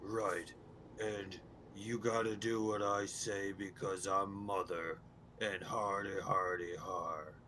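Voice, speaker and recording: A man imitating a big, bossy, muscled male guild boss in a gruff, domineering voice. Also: low-pitched, level tone, takes it slowly, bright, forceful tone, a little hiss or hum, voice pushed down, exaggerated voice.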